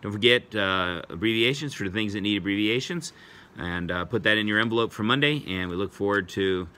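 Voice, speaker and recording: A male teacher dictating a spelling test slowly, saying each word twice. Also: fairly low pitch, sharp tone. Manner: slow, deliberate, repeats each word twice.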